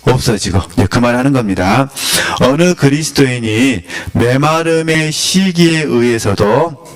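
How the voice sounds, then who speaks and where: A man teaching in a relaxed sermon style, talking to his listeners like a conversation. He keeps throwing questions at them and lets out small chuckles as he goes. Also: mid-range voice, unhurried. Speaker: teacher of a spiritual academy.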